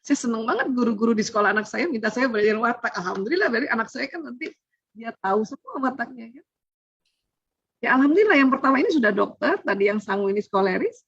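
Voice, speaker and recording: Middle-aged woman, seminar speaker to parents; fairly high voice, dry, slightly muffled lo-fi sound. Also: fast talker, breathy edge, no echo. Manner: animated, chatty, laughs often. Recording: dull lo-fi sound.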